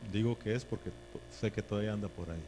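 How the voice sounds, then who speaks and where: A man's voice: fairly low pitch, quick pace, noisy background. A man preaching a sermon in a folksy, joking way, often checking in with his listeners. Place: church.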